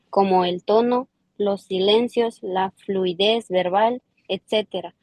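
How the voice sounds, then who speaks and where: Woman reading in class, careful and steady, dry close sound, mid pitch. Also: dry recording. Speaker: student. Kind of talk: reading a text aloud in class.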